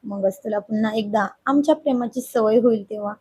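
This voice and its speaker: A woman voicing a playful, teasing young husband in a storybook reading, in a husky voice. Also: on the high side, brisk, darkish tone, no room sound. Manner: teasing, coaxing.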